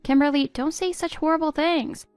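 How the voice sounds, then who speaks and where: A woman voicing a patient, hurt middle-aged stepmother who pleads gently with her stepdaughter. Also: high-pitched, steady tone, moderate pace, no room sound, soft background music, lightly acted. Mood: pleading. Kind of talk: text-story voice acting.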